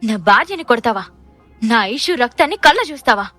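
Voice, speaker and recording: A woman's voice: on the high side, animated, a little fast, sharp tone, dry recording, faint music behind. A woman voicing a fierce, proud young husband who snaps challenges in an audio drama. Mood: challenging. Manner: challenging, snapping.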